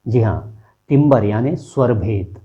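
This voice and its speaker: A man's voice: mid-range voice, expressive, a little slow, lo-fi sound. A man teaching a lesson, explaining step by step and posing rhetorical questions to his viewers. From India.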